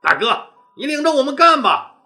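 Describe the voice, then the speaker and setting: A man's voice: extremely high pitch, moderate pace, faint music behind, voice pushed up, full character voice. A man voicing a band of eager young village men who wheedle and plead with their leader. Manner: wheedling, excited.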